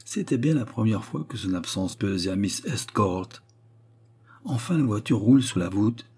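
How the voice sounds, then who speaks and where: A man narrating an audiobook in a measured storytelling manner. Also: on the low side, expressive, dark tone, slightly rough. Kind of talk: scripted narration.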